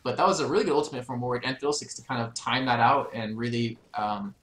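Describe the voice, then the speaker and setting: Man, rapid talker, mid pitch, excitable co-caster, jumps in often. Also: reverberant. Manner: excitable, apologetic, quick to interject. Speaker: esports co-caster. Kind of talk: color commentary.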